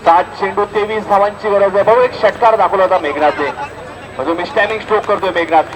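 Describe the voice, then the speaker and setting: A man with a Maharashtrian accent, his voice sitting high and steady as he talks fast, gives live cricket commentary and announcements at an outdoor local tournament. He speaks emphatically and repeats the score while calling play. Music plays in the background, and a loud crowd makes the outdoor recording noisy.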